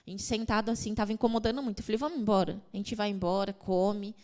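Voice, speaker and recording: A woman's voice: medium pitch, steady tone, fast talker, a little mellow. A young adult woman, a podcast guest, retelling a painful personal story with lots of quoted dialogue.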